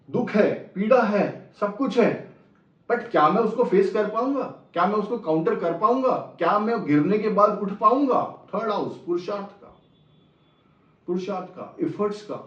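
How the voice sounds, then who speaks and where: A middle-aged astrologer explains his subject, slipping phrases into his Hindi and repeating each point. His voice sits fairly high and sounds set back from the mic in a roomy space. The recording is slightly dull. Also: distant mic. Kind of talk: explanatory lecture.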